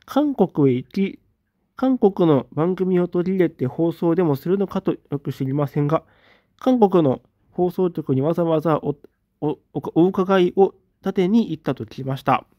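A man in a casual livestream, reading out viewer comments and giving short, relaxed replies. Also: high-pitched, moderate pace, no echo, highs cut off. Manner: relaxed, reads comments aloud with brief replies.

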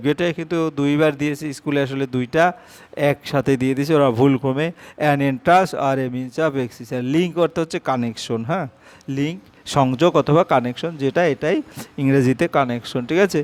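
A man explains an exam paper to children, reading each English line slowly and word by word. His voice sits a little high and sounds smooth and clear. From West Bengal, India. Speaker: teacher. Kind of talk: exam answer walkthrough lesson.

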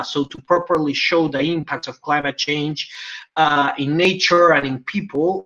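A man's voice: on the high side, sharp tone. A man presenting a project over a video call, speaking hesitantly with many fillers. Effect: heard over a video call. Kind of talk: presentation on a webinar. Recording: dull lo-fi video call audio.

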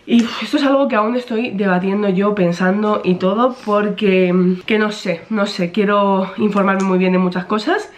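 A woman's voice: mid-range voice, fairly even intonation, normal speed, few pauses. Chatty pregnant woman. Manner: chatty, rambling with many fillers. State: pregnant, in some pain. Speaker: vlogger. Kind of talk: casual chat to camera.

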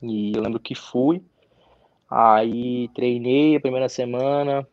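A young man, a professional footballer, telling his story as an interview guest in a halting way, repeating words and restarting. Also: medium pitch, flat delivery, darkish tone, dry recording. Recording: dry, slightly dull audio.

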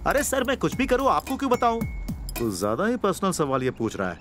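A male dub actor plays a cowardly, talkative middle-aged man who whines at every slight. His pitch jumps around a lot, and he sits a little high for a man. Loud background music fills the film soundtrack. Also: huge pitch swings, fairly quick. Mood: evasive. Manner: whiny, cries out when struck. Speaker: dubbing actor. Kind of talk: Hindi film dub acting.

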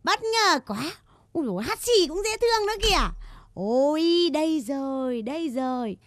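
A woman's voice: sits high, expressive, moderate pace, fairly bright tone, no room sound, studio quality. A woman playing a naive, lovestruck young village woman with a Northern Vietnamese accent, coy and gushing in a stage comedy sketch. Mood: fawning. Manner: giggly, coy, exclaiming, sings sweetly. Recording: music playing underneath.

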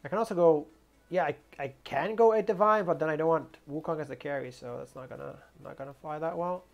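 Gravelly-voiced man muttering through gameplay. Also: a little high, highs cut off. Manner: mutters plans to himself, quick bursts of surprise. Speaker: gaming streamer. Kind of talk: gameplay commentary, thinking aloud.

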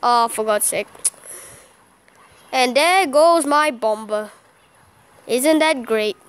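A woman giving live gameplay commentary as a channel host, excitable and quick to exclaim and groan at each play. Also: high-pitched, clear, resonant tone.

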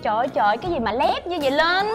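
A woman's voice: high-pitched, lively intonation, rapid-fire, over loud music. An actress playing a flashy, bossy woman who mocks her plain friend. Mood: bossy mocking. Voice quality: loud, bossy, mocking. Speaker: actress in a TV drama.

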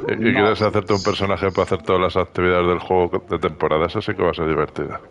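A man's voice: low-pitched, little pitch movement, rapid-fire, a bit bright. A man in his forties with a Spain Spanish accent, chatting casually with friends over voice chat while gaming. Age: 40s. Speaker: gamer in voice chat.

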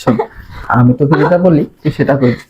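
A man playing a fast-talking, coaxing schemer. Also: a little high, dull audio, heavy background noise, lightly acted. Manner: coaxing, insistent and hushed. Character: scheming young man luring a madwoman.

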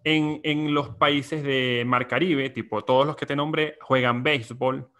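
A man's voice: medium pitch, steady tone, measured pace, pushed and bright. A young Venezuelan man hosting a casual podcast chat, reflective and explaining at length with plenty of fillers. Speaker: podcast host.

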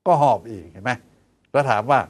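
A man's voice: medium pitch, fairly quick. Chatty man in his sixties. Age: 60s. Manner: chatty, lively asides, teasing rhetorical questions; counts out exercise steps aloud. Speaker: doctor hosting a health show. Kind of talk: folksy health talk.

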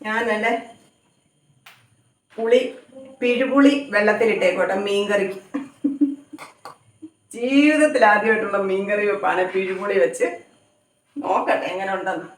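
A woman's voice: mid-range voice, a little slow, pauses often, a little hiss or hum. Chatty woman in an echoey kitchen. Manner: rambling, conversational, often adds tag questions. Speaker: cooking vlogger. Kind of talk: chatty home cooking vlog. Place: home kitchen. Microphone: phone camera some distance away. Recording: echoey room, voice from far off.

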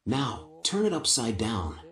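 An older man giving calm, patient, step-by-step woodworking instructions in a workshop, on a lapel mic. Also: mid-range voice, unhurried, echoey room. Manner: calm, patient, methodical explanation.

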